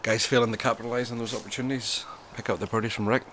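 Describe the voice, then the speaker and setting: A man's voice: mid-range voice, steady tone, very fast, fairly bright tone, slight background noise. A man giving conversational golf-style commentary as a co-commentator at a disc golf tournament.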